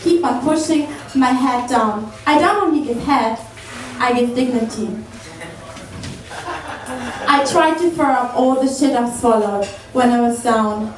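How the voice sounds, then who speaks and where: A woman's voice: fairly high pitch, a little mellow. A woman reciting a raw, bitter spoken-word poem at a live poetry night. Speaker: performing poet. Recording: echoey room, mic from far off.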